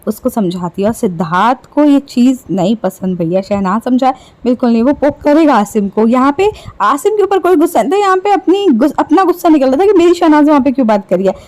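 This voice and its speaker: A woman's voice: high voice, expressive, a little fast, few pauses, a little mellow, low-quality recording. A woman giving casual, sarcastic gossip commentary on reality show clips, taunting the people she talks about.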